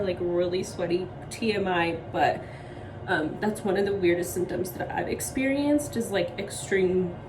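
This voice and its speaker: A woman's voice: mid-range voice, far from the mic, background noise. A young woman vlogging at home while sick, short of breath and with a sore throat, rambling casually with lots of "like" and "um". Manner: rambling, heavy use of "like" and "um". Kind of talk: casual chat to camera.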